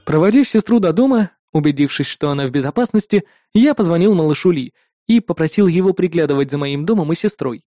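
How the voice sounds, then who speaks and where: A man reading a first-person audiobook in a calm, measured way. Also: a little high, no room sound, studio quality, soft background music. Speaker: audiobook narrator.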